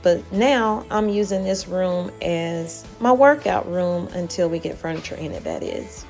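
A woman's voice: on the low side, a little slow, vocal fry, faint music behind. A woman vlogger casually narrating a tour of her basement renovation while walking with a phone camera. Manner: relaxed, chatty, walking with the camera. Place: empty basement rooms of a house. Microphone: phone camera held while walking.

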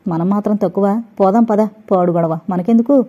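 A woman voicing a spirited young female college student in a dramatized audio novel, talking in quick, indignant bursts. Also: medium pitch, warm tone, slightly rough, close to an everyday voice. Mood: gossiping. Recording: dull lo-fi recording.

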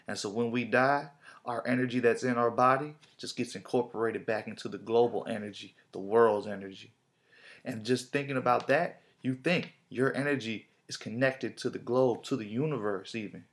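A man giving a casual motivational talk to camera, slangy and repetitive in his phrasing. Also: medium pitch. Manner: casual, repeats himself, slangy. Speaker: vlogger.

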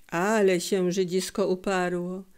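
A woman narrating a literary audiobook in a careful, measured storytelling manner. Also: fairly low pitch, level tone, a little mellow, clear, resonant tone. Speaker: audiobook reader.

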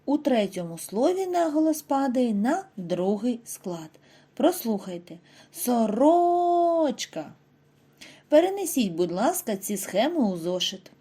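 Lively, mellow-voiced woman teaching young children. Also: fairly high pitch, slightly rough. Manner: slow, over-articulated model words for children. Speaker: primary school teacher. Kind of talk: scripted lesson narration for first graders.

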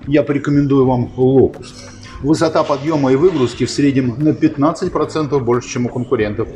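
A man's voice: medium pitch, a little mellow, close to an everyday voice. An actor playing a folksy, fatherly chief doctor with old-fashioned, patronizing bedside patter in a comic ad sketch. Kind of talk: scripted comic advertising sketch.

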